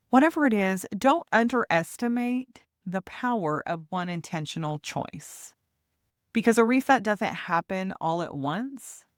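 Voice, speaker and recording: Woman in a gentle, deliberate reflective talk, dry sound. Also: fairly low pitch, dry recording. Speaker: podcast host and hospice nurse coach.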